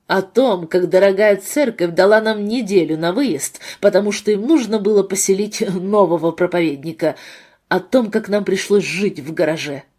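A woman voicing a bitter, wounded husband with a low, muffled voice in a read-aloud novel. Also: normal speed, natural voice. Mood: hushed. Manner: bitter, hushed.

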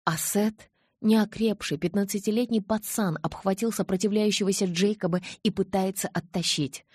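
A woman narrating a novel in the first person, expressive and lively. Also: mid-range voice, normal speed, husky, no echo, studio quality. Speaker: audiobook narrator.

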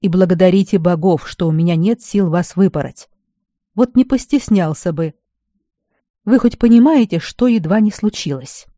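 A reader voicing a weary male garrison healer who scolds at first, then speaks with fatherly gentleness. The recording is dull and dry. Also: sits high, moderate pace, dry recording, close to an everyday voice. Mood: scolding. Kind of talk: audiobook character voice.

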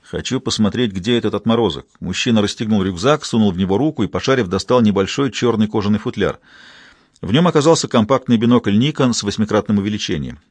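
A man reading an audiobook in even, measured scripted narration. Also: on the low side, no room sound.

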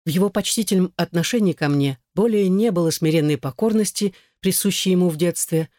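A man reading a literary novel aloud in the first person, measured and solemn. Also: sits high, a little mellow, dry recording, clean studio sound. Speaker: audiobook reader.

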